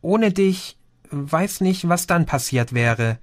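A man voicing a shy, grateful young woman who speaks softly and hesitantly. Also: fairly high pitch, animated, takes it slowly, pitched above the performer's own voice. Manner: soft, hesitant.

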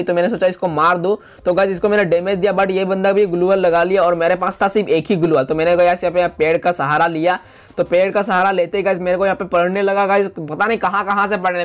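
A young man giving chatty, excitable voice-over commentary on his own gameplay, complaining with dramatic flair. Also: high voice. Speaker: gaming YouTuber.

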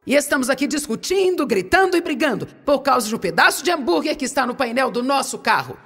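A woman with a Brazilian Portuguese accent preaching to an audience in a large hall, playful and animated as she tells stories. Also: high voice, fast talker, gravelly, breathy edge. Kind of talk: sermon, humorous storytelling. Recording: long hall reverb.

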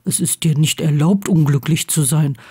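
A woman voicing a blunt, stubborn teenage boy wizard who grumbles low and keeps his voice hushed. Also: normal speed, husky. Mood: irritated.

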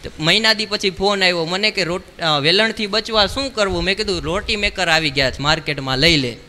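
A male stand-up comic, his voice high and very bright as he fires off quick jokes and calls out to the crowd. It is a live stage microphone recording in a large hall, with a long reverb tail. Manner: punchy joke telling, quick call-and-response to the crowd. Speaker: stand-up comedian. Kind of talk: live stand-up comedy show.

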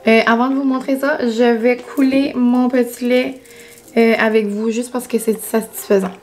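A woman's voice: fairly high pitch, steady tone, normal speed, background noise. Chatty Quebec French woman vlogging. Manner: chatty, many fillers, mixes in English words. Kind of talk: casual vlog chat.

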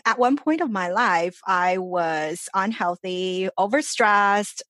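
A woman's voice: medium pitch, animated, slow pace, a bit bright, no room sound. A woman who grew up in Los Angeles, a life coach talking in a casual interview with upbeat, earnest motivation. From born in China, grew up in Los Angeles. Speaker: life coach, podcast guest.

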